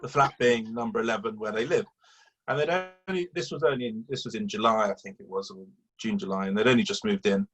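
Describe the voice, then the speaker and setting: A man's voice: on the low side, fast, fairly bright tone, poor audio. A man, a campaigner telling a long chatty story in an interview, rambling with fillers and restarts. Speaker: guest, animal welfare campaigner.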